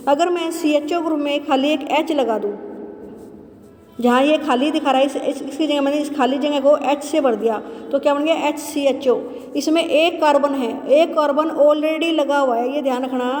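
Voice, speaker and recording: A woman teacher giving a chemistry lesson, asking questions and answering them herself, repeating key terms slowly. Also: high-pitched, a little mellow. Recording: roomy echo with long reverb.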